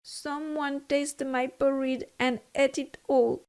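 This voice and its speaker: A tiny baby bear from a children's storybook, put on by a woman. He whimpers his lines in a small, high, whining voice. The delivery stays slow and simple for young listeners. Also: flat delivery, darkish tone. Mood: whiny. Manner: whiny, small voice.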